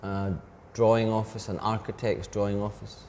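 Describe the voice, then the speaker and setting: A Scottish man, head of an English department, speaks as a guest in a casual interview chat. His low, slightly mellow voice is flat in delivery and deliberately slowed and clear. Long reverb and faint background noise mark the recording.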